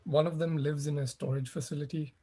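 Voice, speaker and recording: A man's voice: a little high, level tone, fairly quick, dark tone, husky. A man from India, raised in Kenya, giving a hesitant self-introduction in a casual online meeting. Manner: hesitant, many fillers. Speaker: PhD student.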